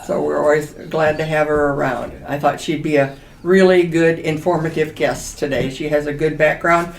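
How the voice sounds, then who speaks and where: An older woman who lives in a senior community co-hosts a casual interview chat for a podcast. Her voice sits low and gravelly, steady in tone at normal speed, with slight background noise. The recording is roomy and echoing, with her distant from the mic.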